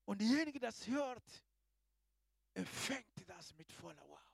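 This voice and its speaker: A man preaching a sermon in a halting way, swinging between hushed asides and loud exclamations. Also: sits high, sing-song, creaky, slightly rough, dry recording, clean studio sound.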